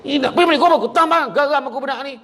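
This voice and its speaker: A man acting out a nagging wife who scolds her child in a shrill, exasperated voice. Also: rapid-fire, fairly bright tone, in a large hall, a little hiss or hum. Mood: scolding.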